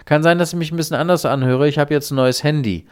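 A man's voice: on the high side, quick pace, smooth, pitched above the performer's own voice, natural voice. A man putting on a pleading phone scammer. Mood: urgent. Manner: pleading, insistent, loud. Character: male phone scammer posing as a grandson.

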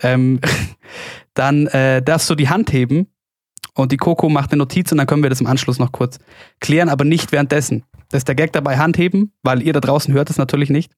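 A male podcast host explaining a game and firing off quick either-or questions in a brisk, upbeat way, with many fillers. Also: medium pitch, little pitch movement, no room sound, studio quality. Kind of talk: quick-fire question game and sports chat.

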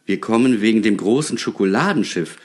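A man voicing an old, gentle saint who speaks in a mild, earnest way. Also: on the low side, animated, a little fast.

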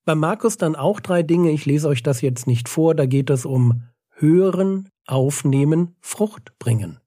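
A man's voice: a little high, lively intonation, unhurried, dark tone, no echo, clean studio sound. A man teaching the Bible on a podcast in an earnest, emphatic way, reading scripture passages aloud.

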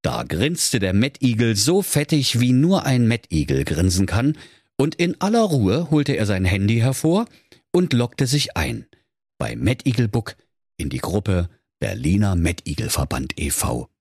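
A man's voice: fairly low pitch, big pitch swings, unhurried, a little mellow, husky, no room sound, studio quality. A man narrating a comic fairy tale in a mock-solemn storybook manner.

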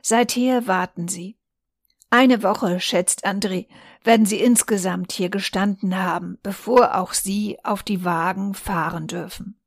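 A woman reading a newspaper reportage aloud in a calm, measured way. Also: medium pitch, no room sound, studio quality. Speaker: volunteer reader.

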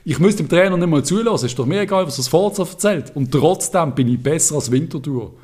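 A man's voice: on the high side, expressive, fast, darkish tone. A man with a Swiss German accent ranting heatedly about his football club, swearing as he co-hosts a podcast. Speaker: podcast co-host. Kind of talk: casual football chat.

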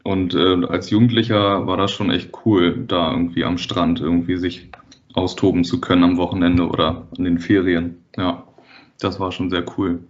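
Deep-voiced and level in tone, a man in his thirties from Germany's Hamburg area talks through interview questions about his freight dispatching work. He's casual and hesitant, with lots of fillers and ready laughter, and the sound is lo-fi.

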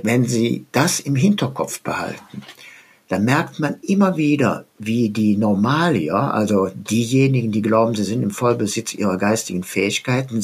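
A man speaking as an expert guest in a podcast interview, explaining in a deliberately provocative way and often checking in with "ja?". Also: medium pitch, husky.

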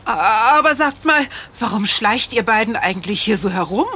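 An actress playing a kind, slightly mysterious elderly woman in a children's audio drama, speaking gently and slowly. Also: on the high side, animated, a little hiss or hum. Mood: relieved. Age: older. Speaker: neighbour lady in audio drama.

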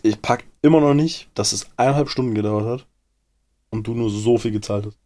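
A man's voice: mid-range voice, a little fast, darkish tone. Laid-back slangy young man. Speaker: brother of the other speaker. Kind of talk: casual chat.

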